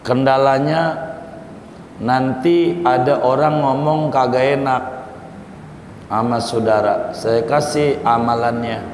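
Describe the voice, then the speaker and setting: Addressing his listeners as brothers ("saudara"), the preacher repeats himself in a homely sermon recorded in an echoey hall with faint noise. He talks slowly with long pauses, his medium-pitched, darkish voice keeping a fairly even intonation.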